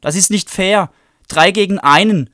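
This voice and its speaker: A man reading aloud, voicing a bratty, hot-tempered schoolboy bully with snarling, shouted insults. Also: on the low side, lively intonation, moderate pace, no room sound, studio quality. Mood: tearful shouting.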